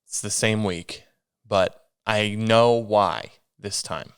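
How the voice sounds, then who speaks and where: This young podcast host rambles casually on his solo show, sniffly and stuffy-nosed, self-deprecating and restarting his meandering thoughts. His voice is lowish, slow, a bit bright, clear and resonant. The recording is studio quality with no room sound.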